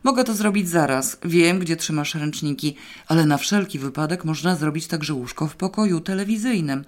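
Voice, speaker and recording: A woman's voice: sits low, moderate pace, a little mellow, close to an everyday voice. A woman reading the part of a level-headed, practical woman friend in a matter-of-fact, decisive way. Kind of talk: audiobook character reading.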